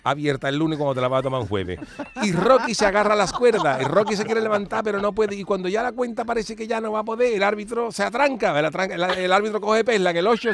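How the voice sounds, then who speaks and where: A man's voice: high voice, expressive, fast, gravelly, crowd noise. A man, hosting a comic radio segment and retelling a film with jokey comparisons.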